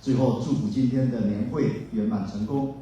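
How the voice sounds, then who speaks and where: A man giving a formal ceremonial speech in a measured way, with drawn-out fillers. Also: mid-range voice, fairly even intonation, dark tone, slight background noise. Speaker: speaker at a ceremony. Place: large hotel ballroom. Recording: echoey hall from far off.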